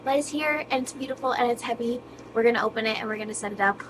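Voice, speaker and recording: In her home workshop, a chatty woman with a rather high voice talks rapid-fire, muttering to herself as she works and sometimes whispering. It's a casual workshop vlog filmed from across the room, so the camera mic sounds distant and picks up faint room noise.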